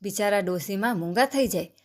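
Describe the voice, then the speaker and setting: A woman tells a devotional tale at a steady, mid-pitched level. She reads the characters' dialogue with feeling. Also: brisk. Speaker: narrator. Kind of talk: devotional story narration.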